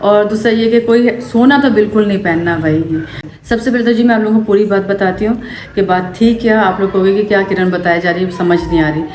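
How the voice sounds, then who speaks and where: A young woman from Pakistan, telling a story to camera for her family vlog in an animated way. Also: medium pitch. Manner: animated, quick to act out what happened. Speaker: family vlogger. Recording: echoey room with faint ambient noise.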